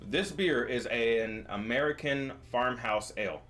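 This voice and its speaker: A man's voice: mid-range voice, a little slow, fairly bright tone. A young man who works as a brewer, casually explaining beer styles with jokes. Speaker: brewer leading a beer tasting. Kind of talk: casual chat.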